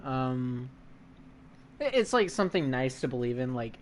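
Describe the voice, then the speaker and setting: A young man co-hosting a casual podcast, rambling crudely with lots of fillers. His pitch moves a lot as he talks. A faint hiss of noise sits behind him. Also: very animated, a little slow. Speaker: podcast co-host. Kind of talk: casual chat.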